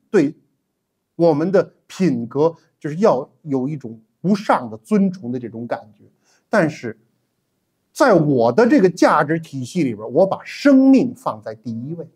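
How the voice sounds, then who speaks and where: A middle-aged man giving an animated, emphatic history lecture as a teacher, with frequent 'ah' fillers. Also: a little high, a little slow, breathy edge. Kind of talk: classroom-style history lecture.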